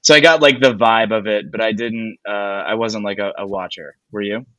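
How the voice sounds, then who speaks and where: A man talks as a podcast guest in a loose, rambling way, stopping and restarting with plenty of laughter. His voice is sharp and bright, recorded close and dry with no room around it. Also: fairly low pitch, fairly even intonation, moderate pace, no echo, dull audio. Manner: rambling, hesitant, laughs often. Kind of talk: casual film chat.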